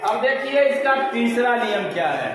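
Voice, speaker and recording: A man teaching a Hindi grammar lesson at a board, slowly, asking the class questions and answering them himself. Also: extremely high pitch, lively intonation. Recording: very echoey room with clear background noise.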